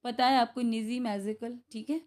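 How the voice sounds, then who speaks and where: A young adult woman with an Indian accent teaching English for an exam, explaining in Hindi mixed with English, reading each question out slowly and checking in with students often. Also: on the high side, fairly even intonation, darkish tone. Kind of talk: exam-prep lesson going through practice questions.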